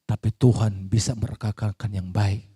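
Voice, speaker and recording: A man's voice: lowish voice, little pitch movement, normal speed, warm tone, husky. A middle-aged man, a pastor, telling a personal testimony in a conversational sermon and acting out the voices he quotes.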